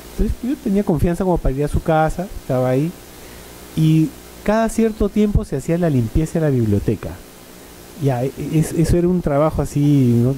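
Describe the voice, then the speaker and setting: Man, middle-aged, very dark mellow voice, slightly high pitch, rambling anecdotes, filler-heavy panel talk. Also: a little hiss or hum, low-quality recording. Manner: rambling storyteller, frequent "¿no?" and "este" fillers. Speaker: panel speaker.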